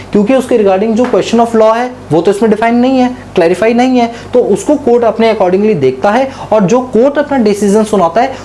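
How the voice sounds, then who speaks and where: Mellow-voiced male tax lecturer. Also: high-pitched, slight background noise. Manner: asks the class questions and answers them himself; mixes English terms into Hindi speech. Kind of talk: classroom lecture.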